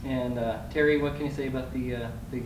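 Reporter dude, stop-start questions, off mic in a roomy space with hiss. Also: male voice, medium pitch, fairly even intonation, far from the mic. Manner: halting, restarts questions. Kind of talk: press conference questions. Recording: echoey room, off-mic, noisy.

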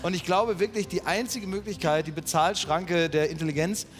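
A man's voice: sits high, steady tone, moderate pace. A man in his thirties or forties, bantering and rambling as a player on a TV quiz show. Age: 30s to 40s. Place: large TV studio with audience.

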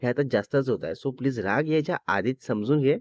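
A caring young man who coaxes and gently teases, voiced by a male narrator with a mid-pitched voice. The recording is dry and slightly dull, like a home mic with a narrow sound. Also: lively intonation, brisk, no echo, lightly acted. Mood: coaxing. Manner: coaxing, soothing. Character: young man Ayush, caring, teasing boyfriend.

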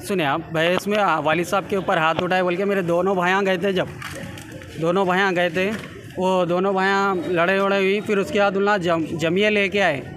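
A young Hyderabadi man with a high-pitched voice, injured in an attack, gives reporters a spontaneous interview account, insistently repeating himself and urging them to hear him out. His pitch barely moves and he talks at normal speed. Handheld reporters' microphones are held close, picking up a noisy street scene with crowd bustle.

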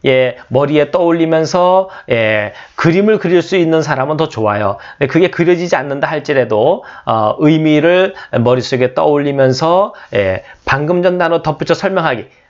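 A man with a Korean accent teaching English phrases in a slow explanatory lesson, repeating words and asking and answering his own questions. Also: a little high. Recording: dull lo-fi audio.

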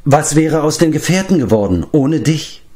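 A man voicing a wise, grave prince who speaks calmly and gently, in an audiobook reading. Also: a little high, moderate pace, voice pushed up. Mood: earnest. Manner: calm, earnest, gentle.

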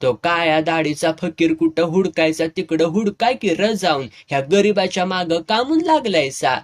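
A man's voice: on the high side, animated, moderate pace, close to an everyday voice. A man voicing a fierce scolding village mother. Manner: scolding, bold.

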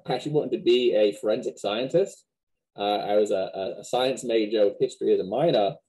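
A man in his thirties with a West Country Wiltshire accent softened by American, answering questions conversationally in an interview. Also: mid-range voice, low-quality recording. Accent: West Country Wiltshire English, softened by American. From Wiltshire, England. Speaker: museum director, interview guest. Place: small plain office, video call.

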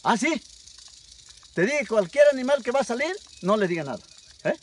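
Snake catcher, male, Mexican from Veracruz. Animated, repetitive commands and reassurance, noisy woodland recording. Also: extremely high pitch, moderate pace. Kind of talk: live field talk while handling a snake. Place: outdoors in dense woodland. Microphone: handheld phone nearby. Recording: noisy outdoor phone video.

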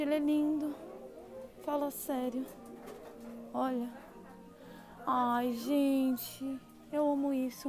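Her voice is a little high with a darkish tone: a young Brazilian travel vlogger casually showing viewers around indoor gift shops at a theme park, gushing as she browses.

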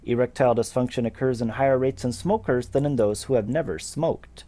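A man's voice: mid-range voice, a little fast, warm tone. A man reading a scripted informational narration as a narrator.

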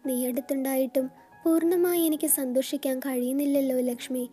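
A woman voicing a tender young husband in a storybook narration, speaking softly and soothingly. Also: sits high, a little fast, faint music behind, lightly acted. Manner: soft, soothing and affectionate. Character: tender young man, gentle and teasing husband.

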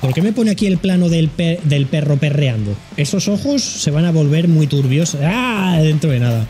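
A man with a Spain accent reacts to a video in a bouncy, animated voice that leaps up and down in pitch. He jokes, exclaims, and gives the objects he watches funny little voices. Music plays behind him. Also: moderate pace. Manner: jokey, exclaiming, voicing objects in funny asides. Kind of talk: casual reaction commentary.

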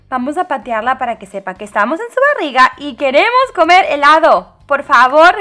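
Woman game host, bright high voice, dramatic exclamations, casual commentary. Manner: animated, dramatic exclamations and giggles.

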